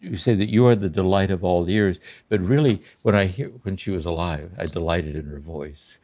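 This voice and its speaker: An older man in a slow, contemplative spiritual conversation, often checking in with "See?". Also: low-pitched, a little mellow. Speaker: podcast host and spiritual teacher.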